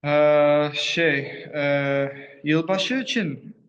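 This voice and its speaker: Man, American accent, native English speaker, broken learner Turkish, slow pace, halting simple phrases, casual conversation practice. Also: on the high side, lo-fi sound. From United States. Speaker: language learner being interviewed.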